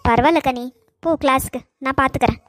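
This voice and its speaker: A woman voicing a calm, puzzled senior college girl in a cartoon. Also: sits high, fast talker, no echo. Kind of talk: Tamil cartoon voice acting.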